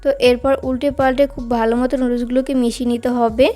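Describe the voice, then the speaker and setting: A woman narrates a home recipe as a channel host in a steady, instructive voice-over. Her voice sits high and mellow, moving along briskly with little rise and fall. Faint music plays underneath. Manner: steady instructive step-by-step delivery.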